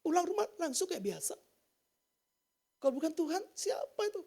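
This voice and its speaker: A man giving an informal sermon testimony to a church congregation, talking in a colloquial, animated way and asking the listeners many rhetorical questions. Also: very high-pitched, moderate pace, gravelly. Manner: colloquial, slangy delivery. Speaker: church preacher.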